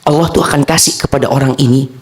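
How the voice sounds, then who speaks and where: A man preaching a storytelling sermon, acting out the dialogue in sudden high and low voices. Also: fairly even intonation, fast talker. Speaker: Islamic preacher.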